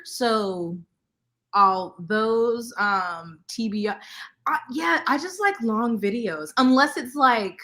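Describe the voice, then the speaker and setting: A woman's voice: a little high, fairly bright tone. A woman booktuber chatting with enthusiasm on a live stream panel over a video call, laughing between thoughts. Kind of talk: casual chat on a live stream.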